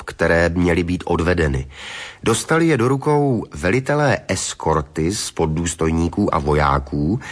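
Low, dry-toned male documentary narrator. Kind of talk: scripted historical narration.

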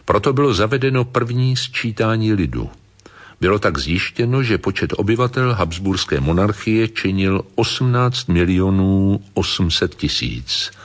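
A man narrating a historical documentary in a measured, even reading voice. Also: low-pitched.

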